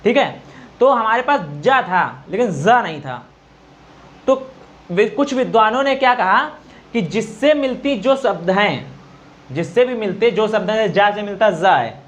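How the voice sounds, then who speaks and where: A teacher giving a Hindi grammar lesson for exam preparation, explaining slowly and answering his own questions. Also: medium pitch, lively intonation.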